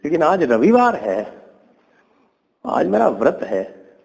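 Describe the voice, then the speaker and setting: A man's voice: a little high, big pitch swings, slow, gravelly, darkish tone, long reverb tail, pitched above the performer's own voice, exaggerated voice, poor audio. Man doing a sly fawning jackal. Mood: wheedling. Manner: wheedling, falsely sweet. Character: sly wicked male jackal, fawning trickster.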